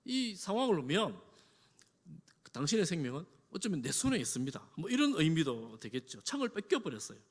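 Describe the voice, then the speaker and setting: Lively high-voiced pastor in a reverberant hall. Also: male voice, a little fast. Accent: Korean. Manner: dramatic, acts out quotes with raised voice. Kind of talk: sermon. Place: large church hall. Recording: long church hall reverb.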